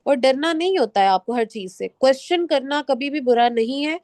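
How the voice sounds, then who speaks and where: A woman with a Pakistani accent teaching a spoken English class, mixing Urdu with English and reading slide points slowly and firmly. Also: high voice, expressive, a little mellow, no echo. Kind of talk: online class lecture.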